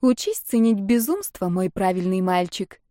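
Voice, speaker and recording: A woman voicing a young woman in love, speaking softly and calmly, bold and teasing. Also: mid-range voice, normal speed, dry recording, clean studio sound, close to an everyday voice. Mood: tender.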